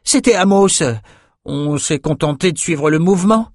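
A man putting on a sneering young lout in a storybook reading, whiny and mocking, pushed far up into a high register, recorded close and dry. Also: normal speed, no room sound, lightly acted.

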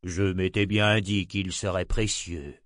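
A man reading an audiobook, voicing an old prophet who speaks slowly and calmly. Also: low voice, no echo, studio quality. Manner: slow, measured. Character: old male prophet, calm and measured.

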